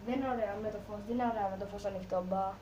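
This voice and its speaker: A woman's voice: mid-range voice, fairly even intonation, dark tone, a little hiss or hum. A woman casually commentating on her gameplay with a mocking, joking running commentary. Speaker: gamer. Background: game sounds.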